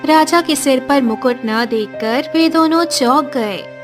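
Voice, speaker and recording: A high-voiced woman reads scripted narration for a storybook cartoon at a slow pace. Music plays in the background beneath her voice.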